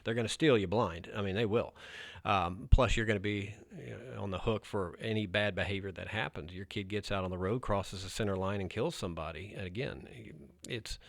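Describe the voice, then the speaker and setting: Blunt man, low voice, dry sound. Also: brisk, creaky, dry recording. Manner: blunt, emphatic advice with frequent restarts. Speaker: narcotics officer. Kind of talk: podcast interview.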